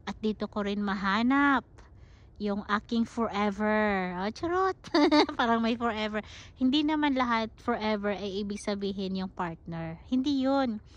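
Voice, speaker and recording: A middle-aged woman from the Philippines talking in a casual, heartfelt vlog, chatty and quick to laugh, mixing English into her talk. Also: medium pitch. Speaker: vlogger. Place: outdoors at a snowy dog park. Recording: slightly dull, faint outdoor noise.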